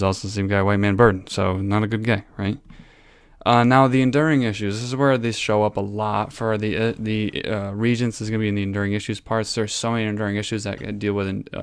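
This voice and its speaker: A man's voice: on the low side, gravelly, clear, resonant tone, no room sound. A male history teacher giving a casual, rambling exam review from his room at home, easily sidetracked and poking fun at himself. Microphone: desk microphone.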